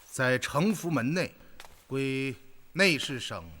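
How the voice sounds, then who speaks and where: A slow, deliberate magistrate. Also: male voice, medium pitch, animated, bright, forceful tone, full character voice. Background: music score.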